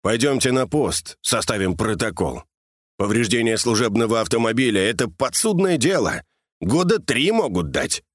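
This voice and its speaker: A man's voice: medium pitch, big pitch swings, normal speed, husky, dry recording. Audiobook figure: a sly, mustached police sergeant in his thirties, stern and officious, put on by a male narrator, dry close sound. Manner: stern, then mock-sympathetic.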